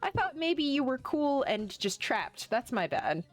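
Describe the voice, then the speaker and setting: A woman's voice: sits high, very animated, measured pace, soft background music. A woman streaming a game, chatting casually, rambling and often gushing as she plays. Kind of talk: casual live-stream chat while playing.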